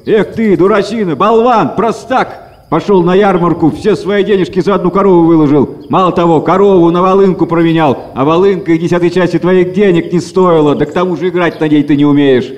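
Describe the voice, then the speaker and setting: Man doing a shrill jeering parrot. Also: fairly even intonation, brisk, a little mellow, lo-fi sound, close to an everyday voice. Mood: scolding. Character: mocking scolding talking parrot. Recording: echoey reverberant room.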